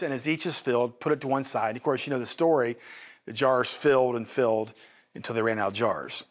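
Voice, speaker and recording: Guy teaching on a show, kinda high voice, gets really animated. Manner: animated, acts out Bible voices. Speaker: host and teacher.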